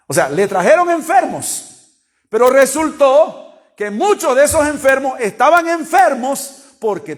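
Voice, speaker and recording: A man preaching a sermon, explaining scripture slowly and comparing several Bible versions as he reads. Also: very high voice.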